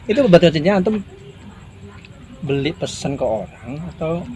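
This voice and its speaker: A man hosting a casual interview, asking quick questions and giving short affirmations. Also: fairly high pitch, sing-song, warm tone, slight background noise. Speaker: host.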